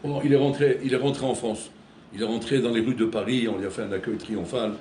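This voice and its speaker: A man's voice: medium pitch, steady tone, fast, dark tone, reverberant, slight background noise. A man giving a sermon as a rabbi, telling stories and often repeating words as he searches for the next one. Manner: storytelling, repeats words while searching, keeps addressing listeners.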